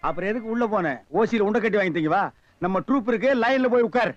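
An actor playing a sharp-tongued man who mocks and scolds a group of beggars in a film comedy. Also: high-pitched, fast, no echo, close to an everyday voice. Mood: scornful. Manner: mocking, scolding. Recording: dull lo-fi film soundtrack.

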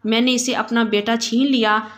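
Woman storyteller, slightly high voice, dramatic, emotional first-person narration. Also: steady tone, normal speed, a bit bright.

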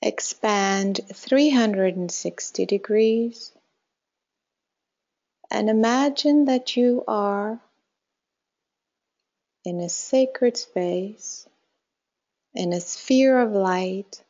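Calm and measured, a woman in a mid-range voice guides a meditation at a very slow pace, leaving long pauses between instructions. Her sentences drift softly to a close, and the sound is faintly muffled.

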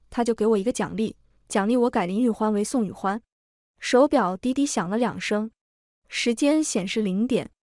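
A woman narrates a first-person emotional story in a steady, even reading voice. Her voice sits fairly high. The recording is dry and close, with no room sound. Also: no echo.

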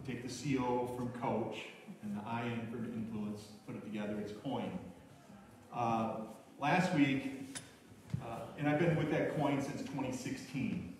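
A middle-aged man giving a sermon with an opening prayer in a small church, talking in a relaxed, halting way with many fillers. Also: medium pitch, slight background noise. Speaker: guest speaker. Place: small church hall with congregation. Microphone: far camera at back of room. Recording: echoey room from far off.

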